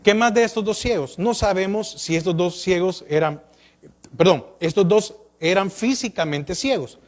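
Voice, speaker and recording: A man's voice: sits high, moderate pace. A male pastor preaching a sermon, asking the congregation question after question with rising and falling emphasis.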